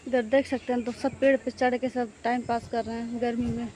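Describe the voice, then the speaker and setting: Recorded by phone at a village home outdoors, this vlogger is a woman in her thirties from eastern Uttar Pradesh whose Hindi carries a Bhojpuri tinge. She speaks fairly quickly in a slightly high, flat voice amid background noise, chatting away and often saying "what to say."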